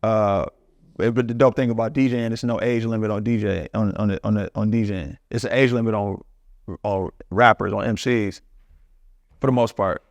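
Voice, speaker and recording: A man's voice: on the low side, steady tone, moderate pace, no room sound. A middle-aged man, talking loosely as an interview guest, rambling and restarting with plenty of slang. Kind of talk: casual interview talk.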